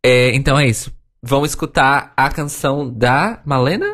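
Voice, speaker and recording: A man's voice: medium pitch, moderate pace, a bit bright. A man hosting a casual podcast chat, talking in an opinionated way and laughing often. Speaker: podcast host.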